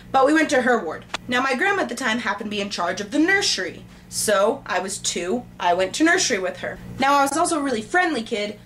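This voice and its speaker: A woman vlogger telling a childhood story to camera in a bubbly, excitable, self-mocking way. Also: on the high side, a little hiss or hum.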